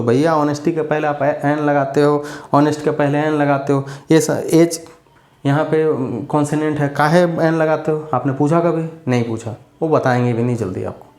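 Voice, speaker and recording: A man's voice: fairly high pitch, steady tone, moderate pace, a little mellow, roomy sound. A man giving a casual grammar lesson, chatty and repetitive as he drills examples. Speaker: English grammar teacher.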